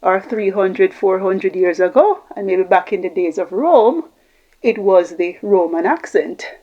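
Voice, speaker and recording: Heard through lo-fi sound, a woman from Jamaica offers communication advice as host, speaking at medium pitch and a measured pace. Her talk is casual and reflective, and she repeats phrases to drive points home.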